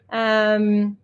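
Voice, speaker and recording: A medium-pitched woman, a native Swedish speaker from Sweden, co-hosts a travel channel's live Q&A on lo-fi audio. She chats casually, laughs often, and reads out viewer questions.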